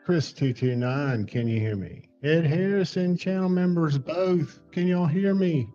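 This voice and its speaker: A man's voice: unhurried, warm tone, highs cut off, soft background music. A man hosting a casual livestream, his voice run through a voice changer that lifts it an octave, chatty and greeting viewers by name. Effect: voice changer pitching the voice an octave up. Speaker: livestream host.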